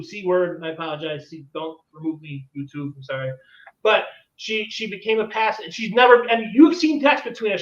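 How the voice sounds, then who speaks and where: A man's voice: high voice, fairly bright tone. A man in his thirties hosting a podcast, telling a story in an exasperated, profane rant. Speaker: podcast host. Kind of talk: ranting casual chat. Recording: echoey room, distant dull mic.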